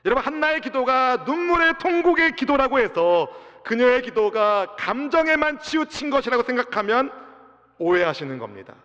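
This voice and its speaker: A man, the senior pastor, preaching an impassioned sermon, swinging from loud cries to soft asides and leading his congregation in reading together. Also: very high voice, very animated, normal speed. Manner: leads the congregation in responsive reading. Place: church sanctuary. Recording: dull reverberant church sound system.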